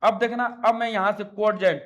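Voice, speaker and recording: A man's voice: high voice, steady tone, brisk, lo-fi sound. A male maths teacher explaining a lesson, coaxing his students with affectionate call-and-response questions and repeated check-ins. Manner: affectionate, repeats "है ना" and "ठीक है बाबू". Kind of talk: classroom explanation.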